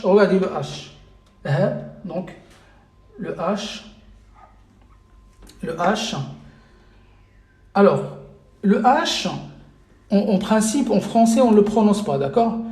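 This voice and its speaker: Man, high voice, unhurried, hesitant teacher, lots of fillers, roomy echo. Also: a little mellow. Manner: hesitant, many fillers and repeated checks for understanding. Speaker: Arabic teacher. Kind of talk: live online lesson.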